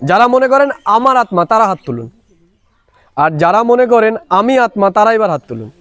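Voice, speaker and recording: A man's voice: high-pitched, big pitch swings, moderate pace, fairly bright tone. A man with a Bengali accent giving a spiritual meditation lesson to a live audience, explaining patiently with everyday examples and asking again and again whether he is understood. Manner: asks the audience rhetorical questions again and again.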